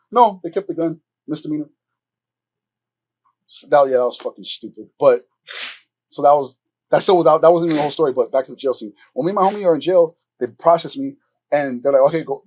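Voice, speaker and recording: A man hosting a podcast, telling a story in animated casual chat full of swearing and acted-out quotes. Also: a little high, fast. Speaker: podcast host.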